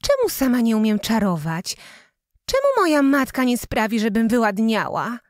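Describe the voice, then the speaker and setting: A woman's voice: on the high side, sing-song, moderate pace, no room sound, studio quality. A woman voicing a lonely young village girl in a storybook tale, speaking in a wondering, plaintive way. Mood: wistful.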